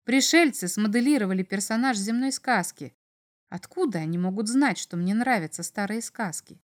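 Woman narrating a storybook. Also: a little high. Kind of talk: audiobook narration.

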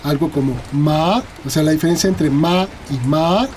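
Hesitant Mexican man, mellow voice. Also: on the high side, fairly quick, a little hiss or hum. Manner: hesitant, many fillers and tag questions. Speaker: guest linguist. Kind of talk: explanatory interview talk.

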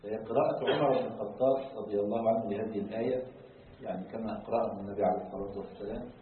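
A man giving a lecture on Quran commentary, explaining at length, filling pauses with a drawn-out "ah" and checking in with the class through rhetorical questions. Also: lowish voice, steady tone, a little hiss or hum. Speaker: religious teacher. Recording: distant, echoey, tinny phone-like lecture recording.

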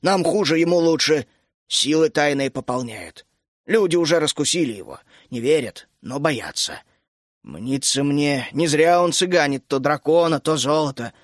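A gruff, grumpy middle-aged dragon keeper, put on by a male audiobook narrator, grumbling and scolding with sudden hot outbursts. The voice sits lower than his narration and is recorded close and dry. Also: lively intonation, moderate pace, no echo, natural voice. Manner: grumbling, scolding, bursts out hotly. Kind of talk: audiobook character voice.

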